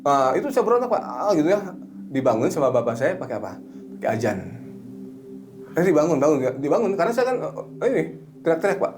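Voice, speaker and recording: A middle-aged man who works as a hypnotherapist, chatting casually and telling animated stories, sometimes slipping into a slow, soothing suggestion voice. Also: a little high, a little hiss or hum. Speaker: hypnotherapist guest. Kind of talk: casual chat.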